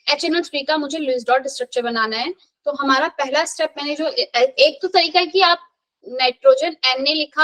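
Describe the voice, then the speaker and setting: Brief: high-pitched woman, brisk classroom chemistry teacher, quizzing and counting aloud. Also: fairly bright tone, low-quality recording. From India. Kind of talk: live classroom revision lesson.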